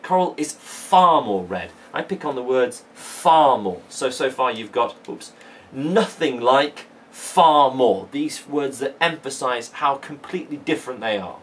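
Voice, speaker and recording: A man's voice: medium pitch, expressive, unhurried, a little hiss or hum. A man teaching a poetry lesson from home, chatty and enthusiastic, with plenty of fillers and restarts. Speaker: English teacher. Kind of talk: casual video lesson. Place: living room at home.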